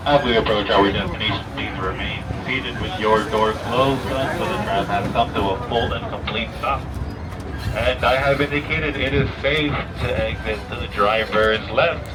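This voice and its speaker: A man's voice: on the low side, normal speed. A man giving formal, polite safety announcements to tram passengers, in the manner of an airport announcement. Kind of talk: public transit announcement, like an airport announcement. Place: outdoors on a moving tram. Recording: distant announcement over outdoor vehicle noise.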